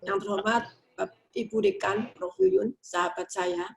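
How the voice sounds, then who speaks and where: A woman's voice: medium pitch, little pitch movement, normal speed, creaky, darkish tone, reverberant, slight background noise. A middle-aged woman guest lecturer giving a formal opening address over a video call. She is polite and formal, with occasional fillers.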